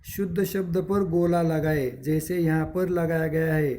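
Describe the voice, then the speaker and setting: A male schoolteacher records a grammar lesson for his pupils, reading words out one at a time and explaining each point with care. His voice sits a little high for a man, yet it sounds mellow, and he talks very slowly. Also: fairly even intonation. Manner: slow, deliberate word-by-word reading with explanations. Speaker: school teacher. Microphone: screen recording with device mic.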